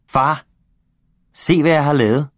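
An eager, cheeky little boy from a children's storybook, put on by a man. His voice sits clearly higher than the reader's own and comes out in urgent, childlike calls. The sound is close and dry. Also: no echo, close to an everyday voice. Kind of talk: storybook read-aloud.

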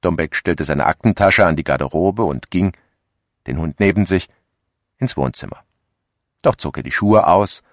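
A man narrates a literary short story in a calm, measured style. His voice sits very low and deep. The recording is dry and close, from a studio booth. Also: no room sound. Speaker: audiobook narrator.

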